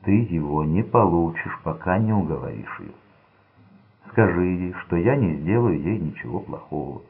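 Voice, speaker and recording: A man voicing an unstable young gangster son who speaks in a slow, sulky, menacing way. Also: deep voice, expressive, gravelly, slightly rough, exaggerated voice. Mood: sullen. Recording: tinny lo-fi narrow-band audio.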